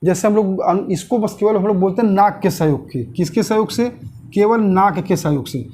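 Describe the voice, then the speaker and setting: A man whose high voice is a little mellow and husky teaches grammar online. He puts questions to the class and then answers them himself, slowly repeating the important terms.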